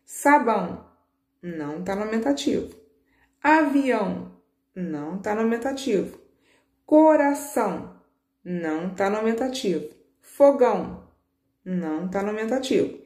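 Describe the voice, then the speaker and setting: A woman teacher patiently walking children through a worksheet, stretching key words slowly and checking in with short questions. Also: mid-range voice, animated, dark tone, roomy sound. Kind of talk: children's lesson walkthrough.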